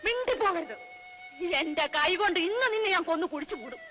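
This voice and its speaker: An actress playing a stern but caring elder village woman who scolds her younger companion in sharp rural speech. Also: very high-pitched, expressive, fast. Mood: scolding. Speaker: elder sister figure. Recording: film soundtrack with reverb and music.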